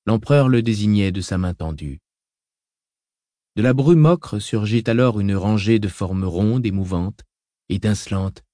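A man narrates a story in a measured, dramatic way. His voice sits on the low side, and the recording is close and dry, with no room sound. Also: mellow, dry recording. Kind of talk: scripted audiobook narration.

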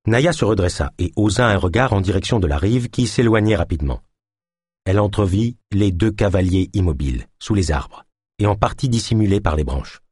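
A man narrates an audiobook in a low, husky voice. His delivery rises and falls with lively intonation. The recording is close and dry. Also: fairly quick, no room sound. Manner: expressive storytelling. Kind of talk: scripted narration.

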